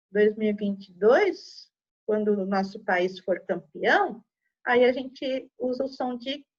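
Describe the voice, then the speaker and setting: Brazilian lady teacher going slow over a math lesson, kinda high voice, muffled lo-fi sound. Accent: Brazilian Portuguese. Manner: slow, patient, explains step by step with checking "tá?". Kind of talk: remote math lesson for children.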